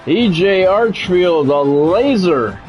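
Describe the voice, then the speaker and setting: Here a middle-aged man with a high, slightly mellow voice narrates a football video game in the manner of radio play-by-play. He's animated but slow, speaking in clipped lines with offhand asides while music plays faintly in the background.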